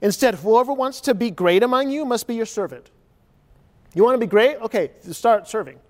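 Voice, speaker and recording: Earnest high-voiced man preaching, hall reverb. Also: animated, moderate pace. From Chile. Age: 40s. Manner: earnest, searching, conversational preaching with many rhetorical questions. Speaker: pastor. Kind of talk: sermon.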